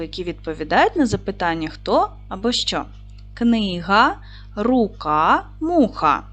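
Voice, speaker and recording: A female primary school teacher gives a video lesson to young children in a mid-range voice, speaking slowly and clearly, stretching out words for dictation and encouraging the class.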